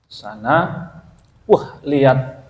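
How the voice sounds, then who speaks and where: A man's voice: medium pitch, takes it slowly, a little mellow. A male preacher with a Javanese accent, giving a folksy, conversational sermon and often addressing his listeners directly. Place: mosque. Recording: echoey hall reverb.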